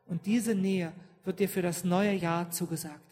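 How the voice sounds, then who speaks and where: Preaching to her congregation, a woman pastor uses a fairly low, steady and warm voice at a normal speed. She engages them with questions and a frequent "ja?", all heard with long church reverb.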